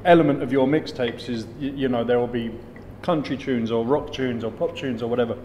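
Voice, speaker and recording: A man's voice: mid-range voice, fairly even intonation, brisk, darkish tone. A man interviewing a guest, asking questions in a friendly, casual way. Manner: friendly, eating while talking. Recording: faint background noise.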